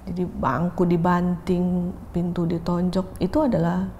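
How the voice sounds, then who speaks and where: A woman's voice: lowish voice, monotone, measured pace, mellow, a little hiss or hum. Candid woman sharing her story. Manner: open, reflective, switches into English phrases. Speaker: pastor and interview guest. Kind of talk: candid interview testimony.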